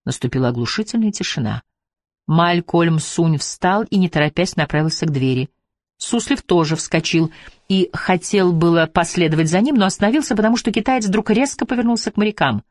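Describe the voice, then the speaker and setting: A man reading a novel aloud as audiobook narration, steady and even. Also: high voice, a little fast, dry recording, studio quality. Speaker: audiobook reader. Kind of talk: scripted narration.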